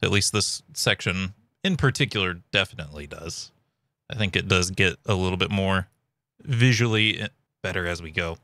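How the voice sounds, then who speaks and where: A man hosts a casual commentary video in a fairly low voice with a creaky edge. He talks conversationally, close to the mic in a dry home setup. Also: moderate pace, sharp tone, no echo. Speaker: video host giving thoughts and theories.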